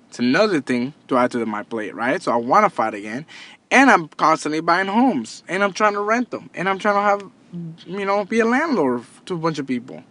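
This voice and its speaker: Bright and forceful, this man's slightly high voice carries a laid-back motivational talk. He's a thirty-year-old podcaster and entrepreneur who addresses his audience earnestly, restarting and repeating as he goes.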